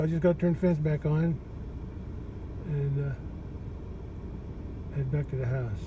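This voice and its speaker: Folksy man rambling over clear background noise. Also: fairly high pitch. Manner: rambling, folksy, repeats himself. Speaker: farmer narrating his own chores. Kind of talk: casual vlog chat, thinking aloud. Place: outdoors on a farm, partly around a vehicle. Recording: noisy outdoor recording, vehicle noise.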